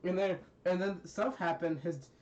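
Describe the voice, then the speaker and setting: A young man recapping a story in a halting, rambling way, full of fillers and silly quoted voices. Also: sits high, a little mellow. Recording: dull lo-fi recording.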